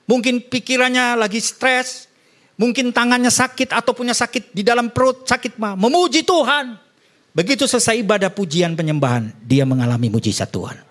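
A middle-aged man preaching a sermon as a pastor, animated, with joking asides and rising exclamations to the congregation. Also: very high-pitched. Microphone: addressing a congregation and viewers.

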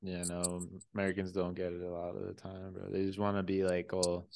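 A man in a casual podcast chat, speaking in a relaxed, hesitant way that trails off. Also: deep voice, fairly quick, gravelly, smooth. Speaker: podcast co-host.

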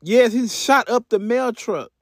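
A man's voice: extremely high pitch, a little slow, dry recording, studio quality. A young man casually telling a comic story in slangy, profane speech with many fillers.

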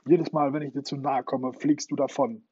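Male narrator doing an angry, threatening pirate captain; loud and husky, lo-fi sound. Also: medium pitch, a little slow. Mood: raging. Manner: roaring, threatening. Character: snarling, hot-tempered pirate captain, adult man. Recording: dull lo-fi recording.

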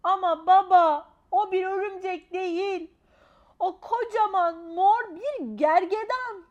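A woman voicing an excitable little girl who keeps calling out to her parents and pleading to be heard. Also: moderate pace, highs cut off. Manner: shrill, pleading, calls out loudly.

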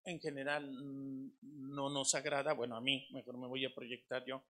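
A Mexican pastor preaching a sermon to his congregation in a conversational way, swinging between loud emphatic lines and quiet low asides, asking questions and repeating words. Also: flat delivery, moderate pace. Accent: Mexican Spanish.

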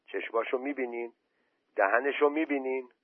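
A man reading aloud as a gruff village man in a story. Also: medium pitch, no echo, voice pushed up, close to an everyday voice. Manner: gruff, coughing. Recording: dry, tinny phone-quality audio.

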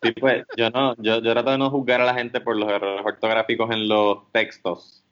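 A man talking in a measured, even way in casual chat. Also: medium pitch, highs cut off.

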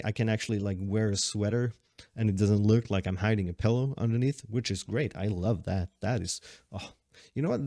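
A man in his late twenties with a fairly low voice talks through a casual solo podcast. He rambles, restarts his sentences and laughs at himself along the way. The sound is close and dry, with no room around it. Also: mellow, no echo. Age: 20s. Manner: rambling, self-correcting, laughs often. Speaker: podcast host.

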